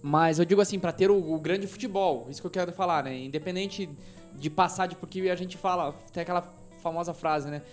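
A host steers a casual football debate and puts questions to the panel. The voice sits at a middle pitch. Faint music plays behind. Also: fairly quick. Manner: leading, putting questions to panelists.

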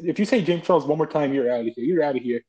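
A young man co-hosting a podcast, chatting casually with halting restarts and amused asides. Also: fairly high pitch, mellow, dull audio. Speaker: podcast co-host. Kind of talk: casual chat.

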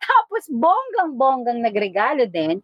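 Woman, casual chat, animated storytelling, Taglish, dry close sound. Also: sits high, unhurried, no room sound, muffled recording. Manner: lively storytelling, mixing Tagalog and English.

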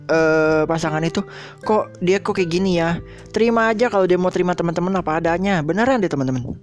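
A young man hosting a podcast, telling his personal struggles in an earnest, emotional way and addressing listeners as friends. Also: high voice. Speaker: podcast host. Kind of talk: personal sharing monologue. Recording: soft guitar music behind. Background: soft guitar music.

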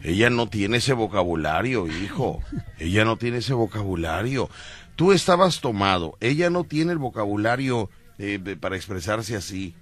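A man's voice: on the low side, animated, moderate pace, a bit bright. A man hosting a comedy radio show, teasing and laughing as he refereeing a couple's fight. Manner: playful, teasing, laughing often. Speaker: radio host. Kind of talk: comic radio banter.

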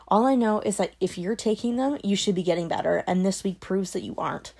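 A woman voicing a cold, controlling middle-aged mother in an audiobook, her words sharp and brittle. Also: medium pitch, fairly quick, vocal fry. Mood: scolding. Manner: sharp, brittle, dropping to a hiss. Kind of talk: audiobook character voice.

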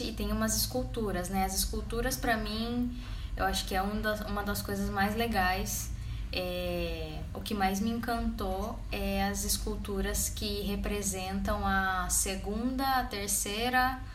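A woman's voice: medium pitch, steady tone, slow pace. A woman with a Brazilian Portuguese accent chatting casually and enthusiastically as a podcast co-host. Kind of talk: casual travel podcast chat. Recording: roomy echo, distant, clear background noise.

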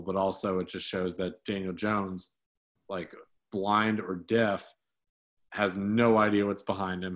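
A man with a fairly low voice co-hosts a casual sports talk show. He rambles, circling back with fillers and restarts as he works through his points. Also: fairly bright tone. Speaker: sports podcast co-host.

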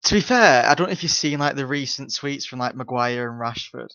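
A man's voice: mid-range voice, fairly quick, bright, forceful tone, no room sound, dull audio. A man chatting on a football podcast, hesitant and restarting his sentences. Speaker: podcast co-host. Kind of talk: casual chat.

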